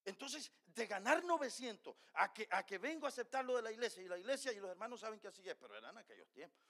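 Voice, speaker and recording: A middle-aged male pastor preaching a sermon, telling a personal story with emotion, dropping quiet and then rising loud. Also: high voice, big pitch swings, fast talker.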